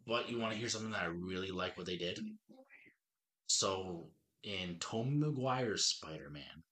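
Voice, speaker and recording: A man's voice: low-pitched, animated, moderate pace, bright, forceful tone. Podcast host, a man in his thirties, eager and rambling, trips over his own sentences. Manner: eager, rambling, with frequent restarts. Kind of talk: casual movie review chat.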